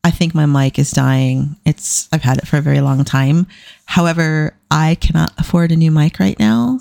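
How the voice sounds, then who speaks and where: A woman's voice: deep voice, gravelly, dark tone, no echo, clean studio sound. A middle-aged woman hosting a podcast alone, chatting casually with irreverent, self-deprecating humour. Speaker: podcast host. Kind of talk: casual solo podcast talk.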